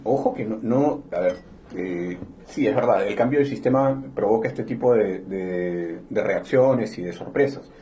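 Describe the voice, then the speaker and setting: Guy from honduras on a podcast panel, mellow tone, explains slow and careful, bit of hiss. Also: on the low side. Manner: measured, explanatory, with hesitations. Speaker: podcast guest. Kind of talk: conversational panel discussion.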